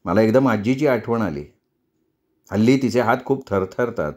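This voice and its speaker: A man narrating a novel in the first person, in an expressive, steady storytelling manner. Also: fairly low pitch, normal speed.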